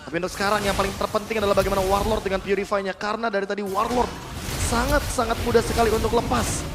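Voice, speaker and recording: An Indonesian man provides esports analysis in a high voice. He talks quickly in long, explanatory stretches. Music runs clearly underneath. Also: little pitch movement.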